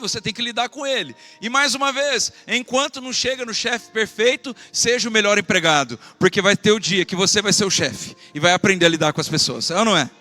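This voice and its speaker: A man preaching a fervent sermon as pastor of his church, swinging between loud exclamations and quiet asides and calling out questions to the congregation. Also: high voice. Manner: asks the congregation for call-and-response.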